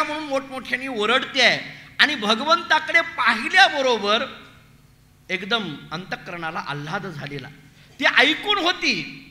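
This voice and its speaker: A man telling a devotional story as a kirtan preacher, animated and acting out the voices of the story's figures, with a Marathi accent. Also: sits high. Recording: echoey hall with long reverb.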